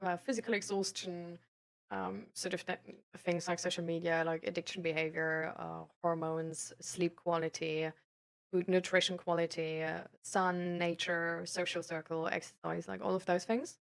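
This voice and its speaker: Chatting with her stream's viewers about mental health and self-improvement, this young woman has a low-leaning, gravelly voice with flat delivery and a moderate pace. Her explanations are informal and wandering, sprinkled with plenty of filler tags.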